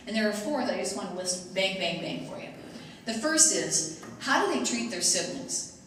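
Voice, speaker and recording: A woman's voice: medium pitch, slight background noise. Woman telling stories in an echoey hall. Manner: animated, acts out quoted voices. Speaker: speaker to parents. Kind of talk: storytelling presentation to an audience. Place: large hall with a live audience. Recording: echoey hall, mic at a distance.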